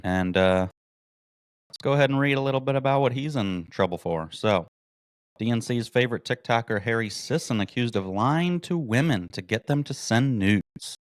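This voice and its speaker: A man's voice: mid-range voice, expressive, normal speed, dry recording. A man hosting a podcast, delivering a mocking, indignant political commentary monologue and reading articles aloud. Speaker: podcast host.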